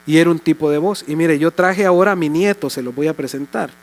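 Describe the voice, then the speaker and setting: An older man preaches a sermon as a church pastor, alternating between fervent passages and soft, tender ones. His voice sits on the high side and moves at a quick pace.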